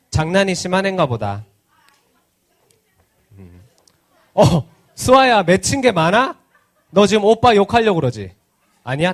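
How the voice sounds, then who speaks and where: A male children's pastor leads a church kids' service in a fairly high, very animated voice. He banters and teases, throwing question after question at the children. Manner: playful, teasing banter with kids; asks the children many questions. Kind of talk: interactive children's sermon.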